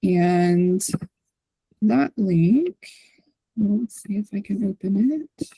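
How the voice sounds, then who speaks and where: A woman hosting a community call over online video with screen sharing gives an informal, conversational walkthrough, often checking in with the listener and ending points with "right?". Her mid-range voice is mellow and husky, with lively intonation and an extremely slow pace. The recording is dry with no room sound and poor audio quality.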